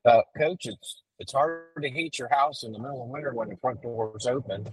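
A man calling in while driving, his voice on glitchy call audio that keeps breaking up, talking haltingly with restarts. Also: mid-range voice, husky, dry recording, soft background music, poor audio. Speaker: caller. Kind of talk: call-in comment on a faith show.

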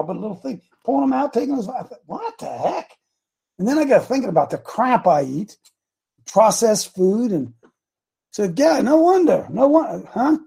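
Folksy and animated, this raspy-voiced American host of a religious talk show rambles through personal stories in casual conversation. His voice sits high, and he leans on repeated phrases to drive points home.

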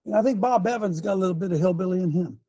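An older man hosting a show in a preachy commentary style, repeating his points and firing rhetorical questions, often clearing his throat. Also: sits high, rapid-fire, warm tone, no room sound. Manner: emphatic, repeats lines, fires rhetorical questions. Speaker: show host.

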